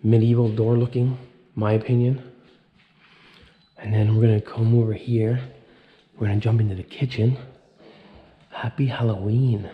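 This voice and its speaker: A man's voice: on the low side, flat delivery, moderate pace, pauses often, phone-quality sound. A man in his thirties vlogging a walkthrough of an empty mansion, filming himself with a handheld camera at arm's length and thinking aloud with awed exclamations. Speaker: urban explorer vlogger. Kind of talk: casual walkthrough vlog. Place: large empty indoor mansion rooms. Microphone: handheld action camera at arm's length.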